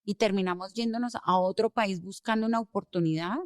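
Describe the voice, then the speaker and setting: A woman from Colombia, an immigration lawyer, speaking as a guest in a podcast interview, telling her story with animated emphasis. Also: mid-range voice, fairly quick, dry recording, clean studio sound.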